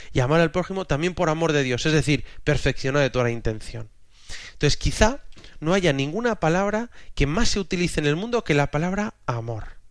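Explanatory man teaching faith, higher voice. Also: dry recording, studio quality. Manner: explanatory, often adds a questioning "¿no?". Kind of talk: religious teaching talk.

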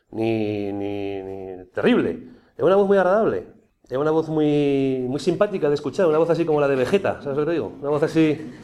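A man giving a personal testimony to an audience, speaking in a conversational, animated way. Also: fairly high pitch. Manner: conversational, animated, with many restarts.

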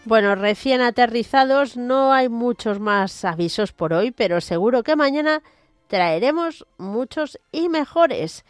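A woman's voice: fairly high pitch, expressive, a little slow, no echo, soft background music. A woman with an accent from Spain hosting a live radio phone-in, her voice nasal and duck-like, stuffed up with a cold. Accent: Spanish from Spain. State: congested with a cold. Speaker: radio host.

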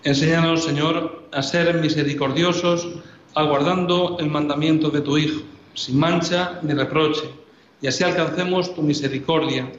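Priest with cathedral echo. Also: male voice, on the high side, fairly even intonation, a little hiss or hum. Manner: solemn, measured delivery. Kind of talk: sermon and Mass prayers. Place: large church. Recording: echoey church, dull sound.

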